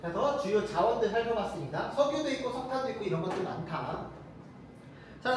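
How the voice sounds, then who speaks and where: A teacher giving a casual classroom lecture, firing quick rhetorical questions at the students. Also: medium pitch, slight background noise. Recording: very echoey room, mic far off.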